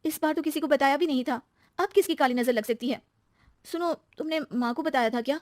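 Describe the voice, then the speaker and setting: A woman voicing a cheerful, chatty young wife in a cartoon story, talking in an excited way. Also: high-pitched, a little fast, no room sound, clean studio sound, voice pushed up, natural voice. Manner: excited, talkative.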